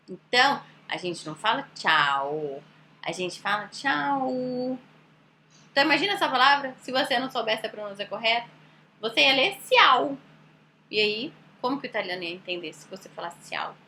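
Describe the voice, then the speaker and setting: Bright-voiced Brazilian woman teaching. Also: fairly high pitch, slight background noise. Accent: Brazilian Portuguese. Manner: explanatory, with rhetorical questions and slow demonstrations of words. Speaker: Italian teacher. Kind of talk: online language lesson.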